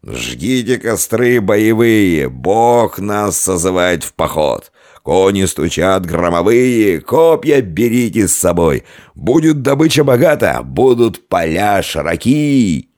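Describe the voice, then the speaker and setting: Drunk barbarian warrior as a man puts him on, bellowing, boastful, high and loud, slow, dry audiobook sound. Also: big pitch swings, no echo. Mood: rowdy singing.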